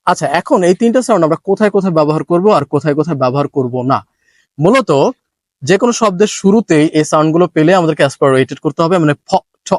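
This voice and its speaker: Male English tutor, Bengali speaker, slightly high voice, drills sounds with sharp puffs of air, dry close mic. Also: no echo. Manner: repeating sounds for contrast. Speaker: English teacher. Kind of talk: short lesson video.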